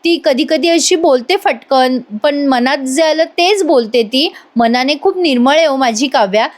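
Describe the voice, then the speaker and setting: A gentle young bride pleads softly and earnestly, as a woman reads her lines. The voice is high and mild. She asks for patience again and again. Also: unhurried. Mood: pleading. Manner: soft, pleading.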